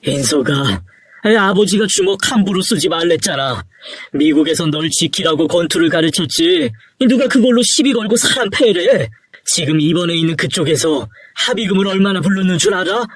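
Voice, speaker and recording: A man's voice: on the high side, expressive, moderate pace, husky, no echo, studio quality. A man voicing a stern, worried middle-aged father who scolds his son. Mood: scolding. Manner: nagging, scolding.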